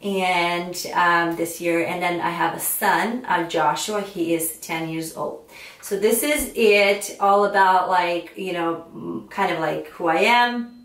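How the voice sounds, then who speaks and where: A woman's voice: on the low side, vocal fry, far from the mic. A woman in her thirties from Ukraine with a Ukrainian accent, chatting casually to camera as a makeup artist vlogger, with many fillers and restarts. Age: 30s. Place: home studio room, indoors. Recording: roomy echo, voice a bit off-mic.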